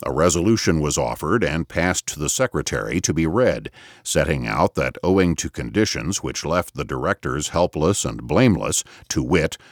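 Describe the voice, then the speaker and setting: A man narrating a novel as an audiobook in a measured, expressive reading. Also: rumbling low, dry recording, studio quality.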